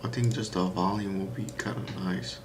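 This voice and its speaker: A man's voice: deep voice, steady tone, normal speed, noisy background. A young man talking loosely on a live trading stream, rambling and saying "bro" and "like" a lot. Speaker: day-trading livestreamer. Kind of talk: casual live-stream chat.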